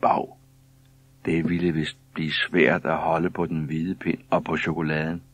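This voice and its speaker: A man narrates a children's story in a calm, even way. His voice sits very low and a little husky. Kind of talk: scripted children's story reading.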